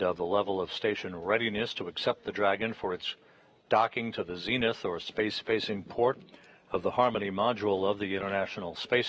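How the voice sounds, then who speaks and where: An American man with a fairly low voice gives live space mission commentary. He announces formally and in measured phrases, like a mission control communicator, pausing between details. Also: a bit bright, dull audio.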